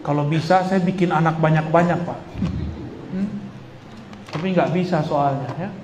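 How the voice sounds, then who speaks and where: A man's voice: on the high side, normal speed, darkish tone, slight background noise. A male Islamic preacher giving a religious lecture in a conversational way, asking his audience questions and joking with them. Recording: echoey hall with long reverb.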